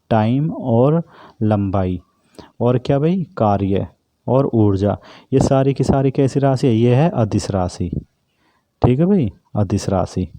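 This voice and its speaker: In an exam-prep physics lesson, a male teacher with a mellow, mid-range voice keeps posing questions and then answering them himself. He is repetitive, and the recording has no echo.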